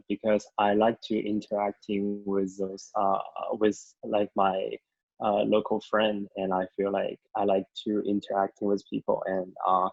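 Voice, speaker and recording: A young man from China with a Chinese accent, answering as a podcast guest in halting English with many fillers. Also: on the low side, creaky, darkish tone, no room sound, dull audio. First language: Mandarin. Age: young adult. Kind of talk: podcast interview.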